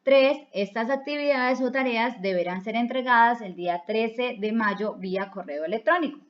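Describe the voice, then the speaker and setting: A woman's voice: fairly high pitch, moderate pace. A woman from Colombia teaching a recorded online English class, explaining each step patiently and repeating key words in two languages. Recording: dull lo-fi recording.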